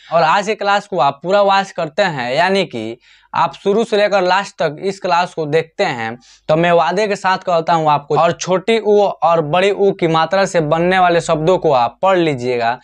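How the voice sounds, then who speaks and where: Guy teaching hindi online, kinda high voice, keeps asking then answering himself. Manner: repetitive, asks and answers his own questions. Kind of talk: online lesson.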